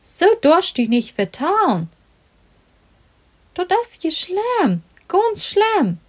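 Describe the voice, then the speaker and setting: A woman's voice: very high-pitched, wildly swooping pitch, drawn-out words, voice pushed up, full character voice. A woman reading as an anxious, caring young woman. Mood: pleading.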